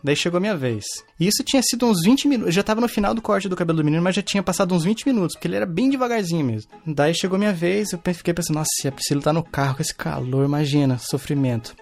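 Fast-talking man telling a story. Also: fairly high pitch, gravelly, faint music behind. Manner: animated anecdote-telling with slangy fillers. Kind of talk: casual chat, storytelling.

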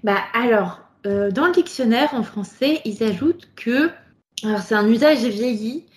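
Woman podcast co-host, high-ish voice, lively and giggly, casual chat. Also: moderate pace. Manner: lively, laughs often, many fillers and asides. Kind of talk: casual chat about a book chapter.

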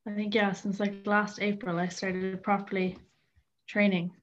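A slightly muffled, lo-fi recording of a young woman with a County Clare Irish accent. She is twenty and chats casually as a podcast guest. Her pitch sits in the middle for a woman. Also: level tone, unhurried, a little hiss or hum. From County Clare, Ireland. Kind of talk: casual interview chat.

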